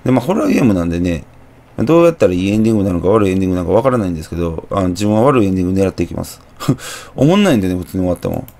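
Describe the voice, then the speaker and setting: A young man with a Kansai accent provides let's play commentary on a horror game, muttering to himself and letting out jumpy exclamations. His low, mellow voice is expressive and his speech comes rapid-fire.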